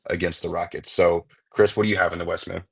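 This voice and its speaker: Sports host, a man with a lowish voice, relaxed, tosses questions to his partner. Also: fast talker, creaky, slightly rough. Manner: laid-back, quizzes his co-host. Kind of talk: casual sports talk.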